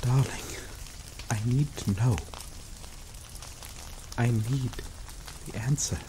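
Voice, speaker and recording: With a natural, medium-pitched voice, a young man performs an ASMR roleplay as an obsessive, possessive lover. The delivery is tender but obsessive: slow, soft-spoken, lingering on words, punctuated by dark chuckles. Steady rain can be heard falling in the background.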